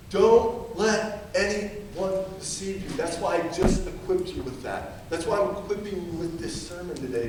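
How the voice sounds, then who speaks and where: A man preaching a sermon in a lively, playful way, acting out quotes in funny voices and laughing often, recorded in a church sanctuary. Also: high-pitched, background noise. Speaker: pastor. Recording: very echoey church sanctuary from far off.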